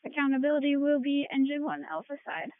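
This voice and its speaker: A woman's voice: sits high, animated, quick pace, no echo. A woman fire officer giving clipped, procedural incident command reports over a two-way radio. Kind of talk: firefighter radio dispatch traffic. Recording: tinny narrowband two-way radio.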